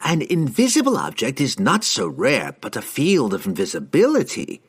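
A man voicing an excitable, fussy male wizard who gives eager, rambling explanations in an audiobook. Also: fairly high pitch, brisk, pitched above the performer's own voice.

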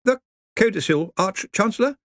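A man's voice: high-pitched, expressive, normal speed, fairly bright tone, no echo, clean studio sound, pitched above the performer's own voice. A man voicing a nervous, pedantic young wizard who speaks precisely and deferentially. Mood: fussy.

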